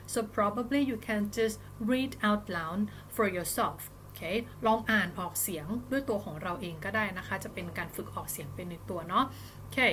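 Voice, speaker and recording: A Thai woman teaching an online English lesson, speaking English slowly and carefully between quick, chatty explanations. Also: mid-range voice, fairly bright tone, a little hiss or hum.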